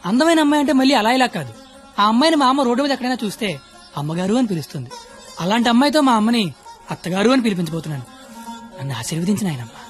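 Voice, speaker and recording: A man's voice: high-pitched, animated, racing, soft background music. An actor playing a boastful young man in love, in film dialogue.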